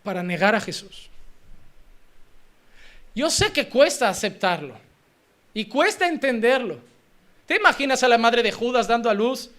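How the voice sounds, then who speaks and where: A man preaching a sermon as a pastor, lively and acting out little scenes of parents and children. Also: very high voice, a little slow, pauses often. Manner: animated, acts out children and parents in quoted asides.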